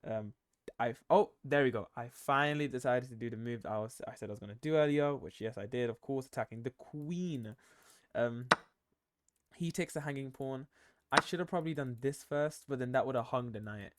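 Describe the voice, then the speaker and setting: A man's voice: mid-range voice, fairly quick, dry recording, clean studio sound. A tired young man commenting on his own chess game, thinking aloud with many ums and self-corrections. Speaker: chess streamer.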